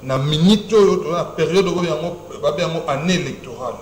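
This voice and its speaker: A man's voice: a little high, brisk, a little hiss or hum. Emphatic Congolese man hosting in an echoey studio. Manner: emphatic and rhetorical. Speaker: talk show host. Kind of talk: studio talk show, mixing French and Lingala. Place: TV studio set.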